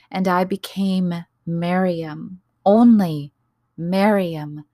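A woman giving a dramatic, reverent reading of a narrative poem, hushed and lingering on words. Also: fairly low pitch, no echo, studio quality.

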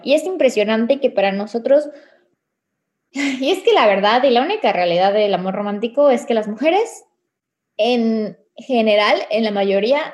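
A woman's voice: fairly high pitch, reverberant. A young woman, chatting frankly and animatedly as a podcast co-host. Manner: frank, animated, uses many fillers. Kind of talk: casual chat.

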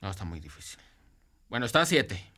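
A man's voice: lowish voice, very animated, fairly quick, bright, forceful tone, slightly rough. A man with a Mexican accent co-hosting a casual football talk show, talking with many fillers and hesitations. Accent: Mexican Spanish. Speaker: sports show co-host.

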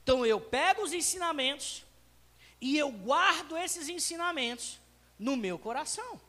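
Animated male pastor in a reverberant church. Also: extremely high pitch, normal speed. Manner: animated, acts out everyday scenes and addresses the congregation directly. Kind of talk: sermon. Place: church sanctuary. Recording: long reverb of a church hall.

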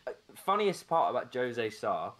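A man's voice: mid-range voice, very animated, normal speed, fairly bright tone. A man co-hosting a football podcast, opinionated and telling stories in casual chat. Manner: opinionated, storytelling. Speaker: podcast co-host.

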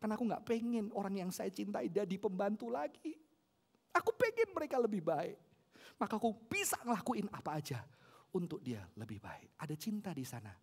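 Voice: medium pitch, very animated, fairly quick, slightly rough. Pastor preaching with soaring emotional swings. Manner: swings from hushed intimate tones to loud emotional climaxes; earnest, mixing formal address with casual slang. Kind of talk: sermon and prayer.

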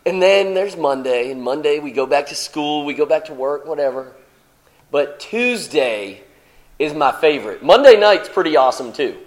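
A man preaching a sermon in a church, playful and animated, moving from soft asides to excited outbursts. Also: on the high side, a little slow.

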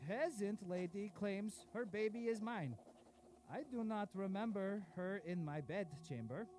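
An actor playing a cruel, boastful dark lord king reading his diary in broken grammar, in a comedic audio sketch. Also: a little high.

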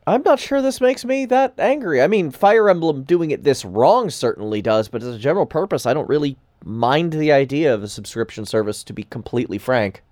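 A man's voice: fairly high pitch, lively intonation, a little fast, hardly any pauses, darkish tone, dry recording, clean studio sound. A man co-hosting a casual gaming podcast, frank, thinking aloud as he works through numbers. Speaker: podcast co-host.

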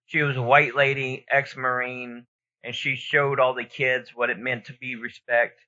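Dull, lo-fi audio captures a man co-hosting a podcast in a loose, informal conversation. His voice is medium in pitch, level, and sharp, moving at a moderate pace as he rambles, thinks aloud, and offers his views.

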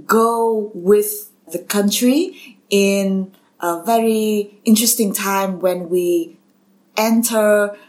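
A woman's voice: medium pitch, takes it slowly, a little mellow. A woman in her late thirties from Vietnam, speaking English as a second language, reflecting casually as a podcast guest and laughing often. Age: 30s. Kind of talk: casual interview chat.

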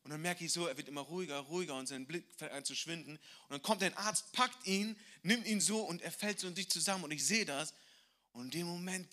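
A man preaches from the pulpit with a bright, forceful voice that sits a little high. He tells a personal story with emotion, moving between loud stretches and hushed ones. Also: fairly quick. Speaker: pastor.

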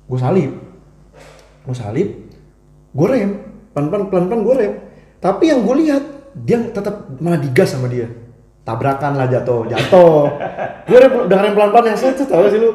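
A young man telling a story in casual chat, animated and acting out what others said, with frequent restarts. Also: high-pitched, normal speed, pauses often, a little hiss or hum. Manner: animated, acts out quoted voices, frequent restarts. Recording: echoey room.

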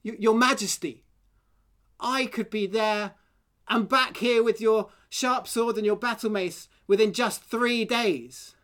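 A woman's voice: fairly high pitch, slow pace, a bit bright. A woman voicing an earnest, pleading young peasant boy in a told folk tale. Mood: eager. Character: eager scrawny peasant boy soldier.

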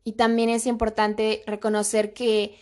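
A young woman talking softly and candidly in a personal confessional vlog, reflective and full of fillers. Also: fairly high pitch, completely flat delivery, unhurried.

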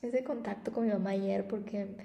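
Mellow-voiced Mexican woman podcasting. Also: mid-range voice, steady tone, moderate pace, gravelly, reverberant. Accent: Mexican Spanish. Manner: chatty, warm storytelling with frequent laughs. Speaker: podcast host and spiritual therapist. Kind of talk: casual spoken monologue.

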